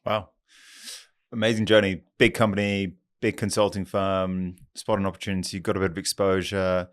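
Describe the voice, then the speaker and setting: Male podcast host with a low voice and a dry, close sound. Friendly and conversational, recaps what the guest says. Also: level tone, moderate pace, dry recording. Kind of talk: casual interview chat.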